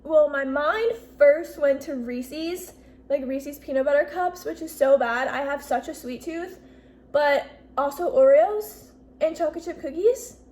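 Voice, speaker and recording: Her voice sits high but has a darkish tone, and she talks a little slowly. A twentysomething YouTuber from the US Northeast, she chats through a casual Q&A vlog in a bubbly, chatty way, constantly saying "like" and "literally."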